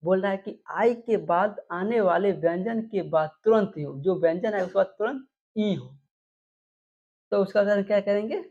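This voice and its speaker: Gravelly-voiced woman teaching spelling. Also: mid-range voice, normal speed, warm tone. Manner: repeats words and quizzes with questions. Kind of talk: explaining rules to students. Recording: dull lo-fi recording.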